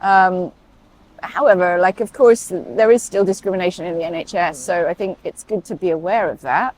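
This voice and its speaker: A British woman who grew up in Saudi Arabia and now works as a paediatric emergency consultant chats freely as an interview guest, full of fillers and asides. Her voice sits lowish at a normal speed, and the rough recording carries slight background noise.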